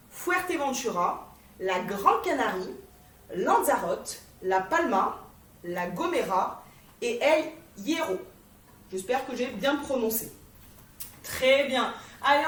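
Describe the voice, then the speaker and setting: A woman fitness instructor talks a class through a warm-up, cheerful and encouraging as she moves. Her voice sits high and carries from a distance in a reverberant room. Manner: encouraging, gives step-by-step cues while moving. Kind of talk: guided warm-up exercise class.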